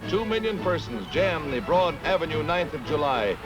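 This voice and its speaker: Brisk 1950s newsreel announcer, man. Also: on the high side, lively intonation. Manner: brisk, punchy announcer delivery. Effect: old 1950s newsreel sound. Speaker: newsreel narrator. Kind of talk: scripted newsreel narration. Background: newsreel music.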